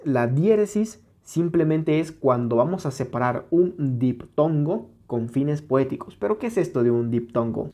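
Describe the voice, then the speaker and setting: Mexican guy teaching, kinda high voice, slows down to sound out words, keeps checking "ok?". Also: warm tone. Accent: Mexican Spanish. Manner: patient, explains step by step, checks in with "¿vale?" and "¿ok?"; sounds words out slowly to show syllables. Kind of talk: exam-prep lesson at a whiteboard.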